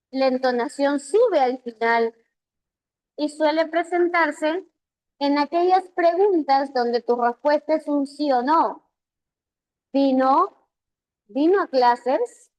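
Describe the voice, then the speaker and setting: A Peruvian Spanish woman teaching a language class online, her voice high and her pace unhurried. She walks through exam answers patiently, quizzing her students and voicing their replies back to them. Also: low-quality recording.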